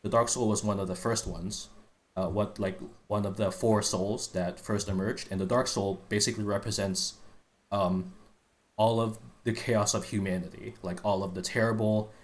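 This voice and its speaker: A man talks on a live stream in a fairly low register. He is earnest and eager but rambling, circling back through fillers and half-finished phrases as he lays out a game's backstory for his friends. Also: steady tone, normal speed. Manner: rambling, full of restarts and fillers, earnest explainer. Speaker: streamer explaining game lore to friends. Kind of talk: casual live-stream chat.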